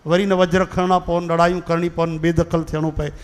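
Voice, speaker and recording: A man's voice: fairly high pitch, flat delivery, fairly quick, clean tone, big-room sound, faint music behind. A man with a Sindhi accent giving a devotional sermon, telling stories and leading call-and-response chants. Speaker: kathavachak, religious storyteller.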